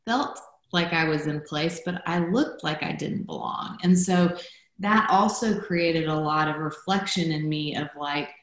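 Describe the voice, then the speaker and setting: A woman from Guatemala, a guest speaking reflectively in an interview. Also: deep voice. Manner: reflective, measured, with fillers. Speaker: guest, former executive director. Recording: echoey room.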